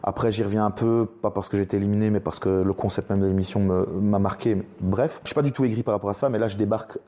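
A man's voice: lowish voice, steady tone, quick pace, mellow. A young man, a stand-up comedian, telling a story in a casual podcast chat and acting out other people's lines as he goes.

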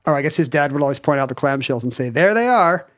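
A man's voice: medium pitch, flat delivery. Rambling American man co-hosting a podcast. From United States. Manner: rambling, halting, dry humor. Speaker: podcast co-host. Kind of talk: casual chat. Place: Pacific Northwest.

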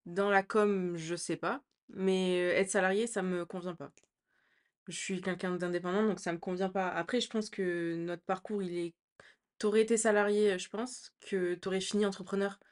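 A young woman co-hosting a podcast, talking openly and plainly at a middle pitch. She pauses on fillers as she works out what to say, and keeps the tone casual. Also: fairly even intonation. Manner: frank, hesitant, many fillers. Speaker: podcast co-host. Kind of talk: casual chat.

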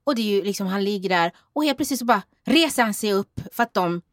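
A woman's voice: medium pitch, no echo, clean studio sound. A woman co-hosting a podcast, telling a story in casual chat and acting out what people said. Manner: animated, laughing, acts out quotes. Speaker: podcast co-host.

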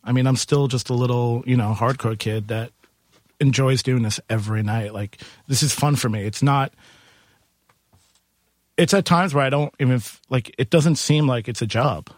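A man's voice: medium pitch, normal speed, no room sound. Casual man telling stories. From Queens, New York. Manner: informal, conversational storyteller slipping into quoted dialogue. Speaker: bar and music venue owner, interview guest. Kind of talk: casual interview storytelling.

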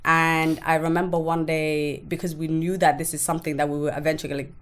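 A woman's voice: deep voice, level tone, clean tone. A woman from Somalia, a podcast guest, talking frankly and earnestly in a candid interview. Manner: frank and earnest, speaks in quick bursts with blunt asides.

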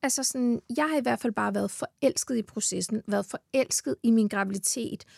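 A pregnant woman with a Danish accent talks in a fairly high voice with plenty of gravelly fry. She gushes and swears casually, close to a dry studio mic. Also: darkish tone, dry recording. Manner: enthusiastic, swears freely, laughs often. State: heavily pregnant. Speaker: podcast guest. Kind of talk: casual chat.

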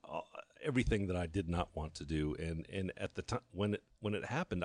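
A man in his fifties with a very low voice, recorded close and dry. He tells his story candidly in a halting way, often restarting with repeated words before he finds the thread. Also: darkish tone, no echo. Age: 50s. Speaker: guest.

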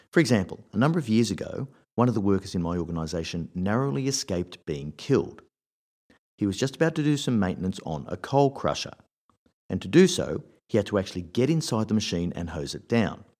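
A man's voice: deep voice, a little mellow. Wry older-sounding man telling workplace stories. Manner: wry, conversational storytelling. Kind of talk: scripted advice talk with anecdotes.

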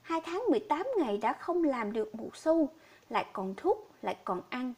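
A woman's voice: high-pitched, very animated, moderate pace, darkish tone, heavily acted. Woman voicing a grieving poor old man. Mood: sorrowful. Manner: sorrowful, pleading.

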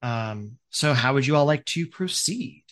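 A man's voice: medium pitch, expressive, a little slow, fairly bright tone. Rambling male game master, filler-heavy. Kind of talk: narrating a tabletop game.

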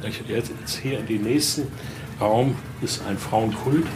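The voice is an older man's, on the low side and a little slow, belonging to a museum guide who is also being interviewed. He explains and spins stories spontaneously in a tour-guide manner, often ending with little question tags, in an indoor exhibition room with clearly noisy ambience.

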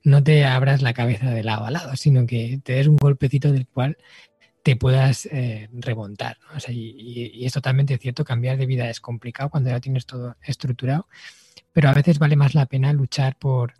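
A man, a guest author, explaining ideas in a casual, explanatory way with a husky voice. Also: mid-range voice, steady tone, a little fast, dark tone, dry recording. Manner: explanatory, uses everyday metaphors. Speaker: guest author on Japanese culture. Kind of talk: casual interview chat.

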